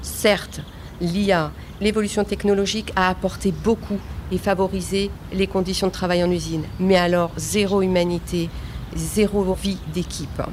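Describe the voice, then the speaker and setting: A woman's voice: fairly low pitch, steady tone, moderate pace, a little mellow, close to an everyday voice. Woman playing an effusive, weary factory worker in noise. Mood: fed up. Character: Jeannette, weary female factory worker of 2045, effusive friend. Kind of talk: amateur scripted audio drama.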